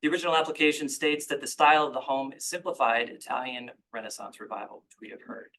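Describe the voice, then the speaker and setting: A man giving formal public comment at a commission hearing, measured and argumentative. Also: mid-range voice, vocal fry, a bit bright, poor audio.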